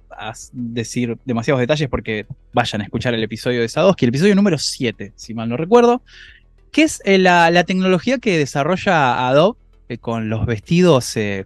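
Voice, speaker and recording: A man with an Argentine accent co-hosting a casual tech podcast, animated, his voice jumping up when excited. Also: mid-range voice, normal speed, faint music behind. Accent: Argentine Spanish. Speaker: podcast co-host.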